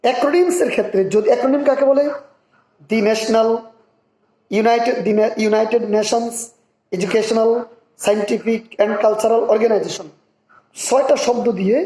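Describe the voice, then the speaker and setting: A man's voice: extremely high pitch, steady tone, brisk, long pauses, warm tone, a little hiss or hum. A man explaining English grammar rules step by step, reading example sentences aloud and repeating key terms. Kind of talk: explanatory lesson. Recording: echoey room.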